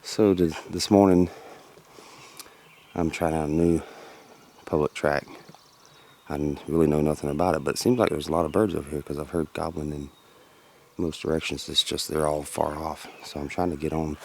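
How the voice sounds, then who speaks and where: A man films his own hunt in the hilly prairie woods, talking to the camera in a plain, casual way and sounding a little out of breath. His voice is gravelly and a bit mellow, with a steady tone and moderate pace, and he sometimes drops to a whisper in this low-key outdoor vlog. The field recording carries background noise.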